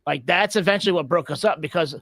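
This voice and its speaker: A man's voice: on the high side, fast, fairly bright tone, no echo. A man co-hosting a casual talk show, bluntly joking in crude banter. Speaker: podcast co-host. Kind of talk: casual chat.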